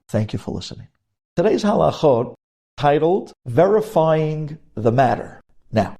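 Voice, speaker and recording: Here a rabbi's lesson on religious law comes in a mid-range, creaky voice with a dark tone. He works through hypothetical examples, explaining with emphasis and going back over key phrases.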